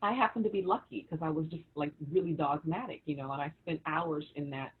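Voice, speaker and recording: Brief: husky-voiced woman co-host, animated storyteller, thin call audio. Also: sits low, a little fast. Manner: storytelling, animated with many restarts. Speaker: co-host and author. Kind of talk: casual livestream conversation. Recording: tinny phone-like video call audio.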